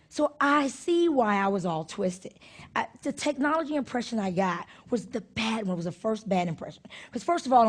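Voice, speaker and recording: High-voiced woman teacher working a crowd. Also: a bit bright, far from the mic. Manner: call-and-response questions to the audience; playful and theatrical. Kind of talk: motivational stage talk. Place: stage at a live talk event.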